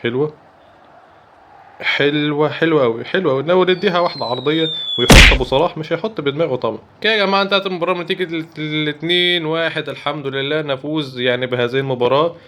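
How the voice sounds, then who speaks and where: Young egyptian guy yelling over a football game, talks quick and a bit high, clicky noisy mic. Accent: Egyptian Arabic. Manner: excitable, bursts of rapid repeated cries. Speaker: gaming YouTuber. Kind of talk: live football gameplay commentary.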